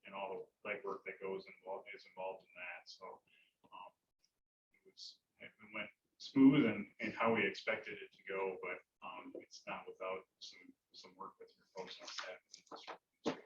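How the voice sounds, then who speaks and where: A man with a lowish voice explains bond finances to a school board, easygoing and dotted with fillers. He sits far from the mic in an echoey meeting room. The recording is dull and lo-fi, with a faint hiss. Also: fairly even intonation, unhurried. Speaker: bond advisor.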